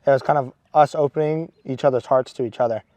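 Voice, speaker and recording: A man's voice: medium pitch, fairly even intonation, fast, dark tone, no echo. A man in his twenties from Maryland, a seminarian earnestly telling a story with many restarts. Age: 20s. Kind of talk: casual storytelling.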